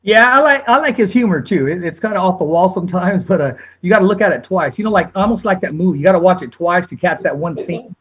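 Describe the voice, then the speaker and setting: High-voiced, husky man hosting a casual chat. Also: quick pace, hardly any pauses, a bit bright, lo-fi sound. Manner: informal, conversational, complimentary. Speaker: interviewer, host.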